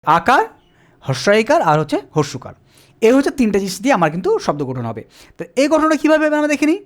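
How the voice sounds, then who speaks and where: Patient whiteboard teacher, animated up-and-down delivery, self-answering questions. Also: mid-range voice, fast. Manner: asks questions and answers them, repeats "ঠিক আছে?". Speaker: Quran reading teacher. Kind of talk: whiteboard lesson, explaining step by step.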